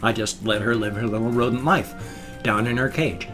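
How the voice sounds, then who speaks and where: Speaking into a webcam at home, this hamster-owning vlogger has a medium-pitched, steady voice at an ordinary pace, with music playing behind him. His talk wanders, loops back and gets reworded, and his loose dentures make his words a bit slurred.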